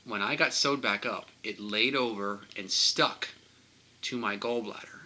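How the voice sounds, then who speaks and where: A man telling a personal vlog, halting and emotional, often repeating himself as he speaks. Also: lowish voice, bright, forceful tone, rough recording. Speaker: vlogger.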